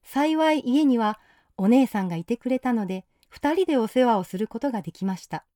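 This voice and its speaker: A woman narrating a story in a gentle, polite storytelling manner. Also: fairly high pitch, animated, fairly quick, no room sound, studio quality.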